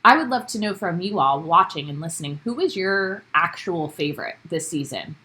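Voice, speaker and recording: A young woman co-hosts a casual recap podcast, live-streaming from her bedroom at home. Her voice is lowish, animated and sharp at a moderate pace, and she stays upbeat, laughing often and greeting viewers by name.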